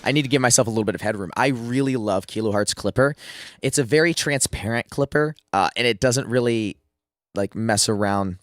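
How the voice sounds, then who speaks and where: This man talks fairly quickly at a medium pitch. Though sick and losing his voice, the music producer casually leads a screen-share tutorial on drum mixing, with plenty of fillers and restarts.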